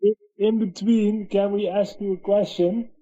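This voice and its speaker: A man's voice: sits high, steady tone, a little slow, mellow, husky, dull audio. A Dutch-speaking man talking in English with a Dutch accent on a casual video call, hesitant and full of fillers. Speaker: music coach in training. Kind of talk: casual chat.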